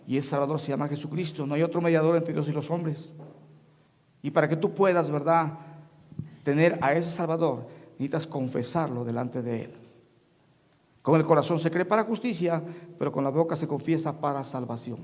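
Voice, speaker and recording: A woman from Mexico, a guest preacher, delivers a testimony sermon in a church sanctuary, telling stories and repeatedly addressing the congregation as "brothers." Her voice is deep and a little mellow, echoing through the reverberant hall.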